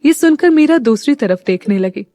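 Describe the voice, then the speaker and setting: A woman narrating an audio story in a measured, scripted storytelling voice. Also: on the high side, expressive, warm tone, dry recording, clean studio sound.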